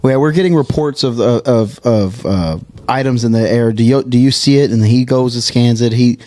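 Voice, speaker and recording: A man's voice: mid-range voice, moderate pace, warm tone, no room sound. A man co-hosting a casual podcast, retelling a story with repeated words and acted-out quotes. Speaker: podcast co-host.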